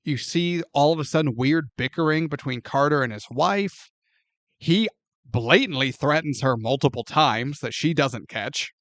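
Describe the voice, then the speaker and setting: A man's voice: on the high side, measured pace, no room sound. Incredulous man recapping a movie. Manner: animated, profane, incredulous plot recap. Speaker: podcast co-host. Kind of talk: casual movie review chat.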